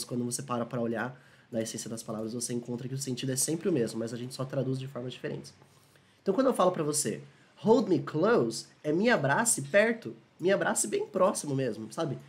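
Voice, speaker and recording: An English teacher with a Brazilian Portuguese accent and a mid-range voice gives a casual, upbeat video lesson. He often asks viewers whether they agree and slows down for English examples.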